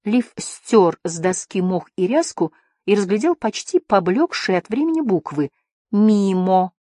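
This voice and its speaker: A woman narrating an adventure story in a steady storytelling voice. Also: medium pitch, moderate pace, breathy edge, no room sound, studio quality. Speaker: audiobook narrator. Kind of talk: scripted narration.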